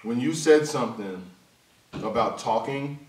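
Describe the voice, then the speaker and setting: Animated man riffing in a roomy space. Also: unhurried. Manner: animated, slangy, jumps into high-pitched mimicry. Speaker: battle rap commentator. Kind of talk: casual commentary vlog. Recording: roomy echo, voice from a distance.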